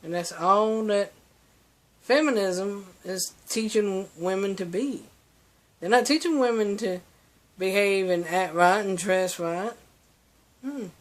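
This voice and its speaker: A man's voice: high-pitched, takes it slowly. A young man delivering a preachy, ranting opinion monologue, full of restarts and fillers. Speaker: vlogger.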